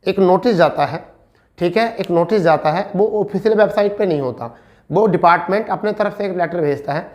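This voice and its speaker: A teacher giving exam updates, a man whose voice sits high, runs an informal online class at normal speed. He speaks to students reassuringly and instructively, repeating key points for emphasis.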